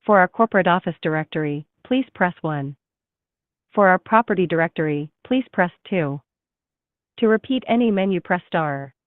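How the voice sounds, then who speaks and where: A woman's recorded automated phone menu message, announcing options slowly and politely, heard through a phone call. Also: lowish voice, expressive, no room sound. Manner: slow, measured, polite announcing. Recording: tinny dry phone line.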